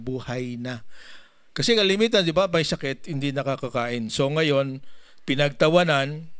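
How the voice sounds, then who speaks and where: Male Filipino-accented pastor, joking preaching style, clear resonant voice. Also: fairly high pitch, a bit bright. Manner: jokey, asks the congregation questions, mixes English into his talk. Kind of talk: sermon.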